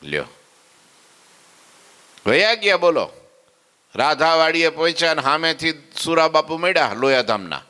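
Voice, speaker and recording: A man's voice: mid-range voice, pushed and bright, long reverb tail. A man telling a devotional story as a preacher, acting out the characters and asking listeners questions. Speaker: katha preacher.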